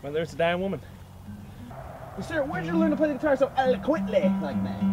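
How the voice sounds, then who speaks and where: A man putting on a high, folksy country reporter who fronts an old newsreel broadcast. He announces in a hokey drawl as loud acoustic guitar strums behind him. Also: very animated, fairly quick. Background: loud acoustic guitar music.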